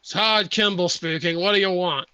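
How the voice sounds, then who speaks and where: A man's voice: high-pitched, normal speed, bright, forceful tone, smooth, no echo, distant mic. A male game master voicing an agitated, hostile man answering a phone call in a tabletop game. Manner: snapping, aggressive.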